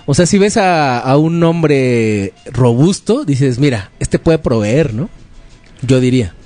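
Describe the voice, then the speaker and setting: A man's voice: medium pitch, lively intonation, takes it slowly, mellow, soft background music. Chatty Mexican podcast host, man. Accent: Mexican Spanish. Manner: joking, chatty slang-filled banter. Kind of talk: casual chat.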